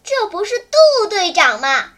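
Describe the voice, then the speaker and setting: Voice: extremely high pitch, very animated, unhurried, pushed and bright, pitched above the performer's own voice, heavily acted. A storyteller voicing a brave, cheeky young village boy who talks eagerly, breathlessly and stubbornly. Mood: eager boyish.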